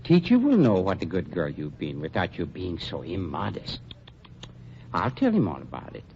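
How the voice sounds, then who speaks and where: This is 1940s-style radio acting on a dull, lo-fi recording with faint hiss, where a man plays an oily, smooth-talking undertaker blackmailing a gangster. His deep, slightly mellow voice swoops wildly in pitch, heavily acted, unctuous and falsely polite with drawn-out pauses.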